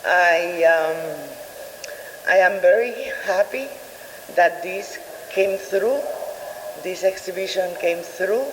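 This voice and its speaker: Slow, halting woman. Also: fairly low pitch. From Puerto Rico. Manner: slow, halting, many pauses and fillers. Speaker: exhibiting artist. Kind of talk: speaking at a gallery opening. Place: college art gallery. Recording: roomy gallery with long reverb, faint noise.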